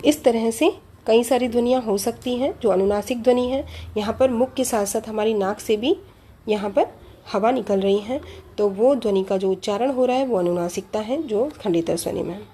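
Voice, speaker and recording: A woman's voice: on the high side, warm tone, breathy edge. A woman teaching a lecture on language, explaining step by step, repeating key terms and asking rhetorical questions. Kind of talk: lecture on Hindi phonology.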